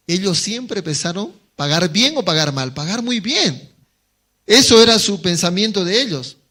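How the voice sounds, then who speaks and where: Bolivian pastor guy preaching, high voice, tells the story acting out the people, keeps asking the crowd questions. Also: expressive, normal speed, sharp tone. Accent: Bolivian Spanish. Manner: rhetorical questions to the congregation. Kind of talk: sermon.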